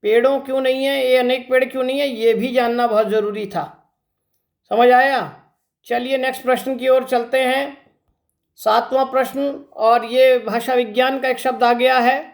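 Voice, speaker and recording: A man's voice: extremely high pitch, flat delivery, normal speed, gravelly. A male teacher giving an exam-prep grammar lesson, explaining step by step and asking rhetorical questions. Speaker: Hindi teacher.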